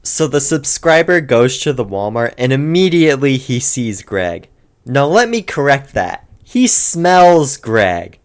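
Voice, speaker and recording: A man narrates a comedic storytime in slangy, casual speech. He swings into over-the-top disgust and dramatic emphasis. His pitch sits in an ordinary middle range. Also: very animated, a little slow.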